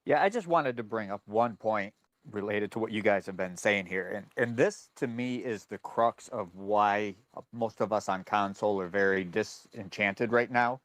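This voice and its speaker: A man speaking as a panelist in a live casual roundtable, steady and emphatic. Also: on the low side, normal speed, no echo.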